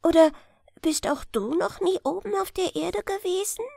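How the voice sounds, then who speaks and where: A woman's voice: normal speed, gravelly, no room sound, clean studio sound, heavily acted. A woman doing a timid little boy hare. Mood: pleading. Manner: soft, high, pleading and hesitant. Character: small, timid young boy hare, pleading.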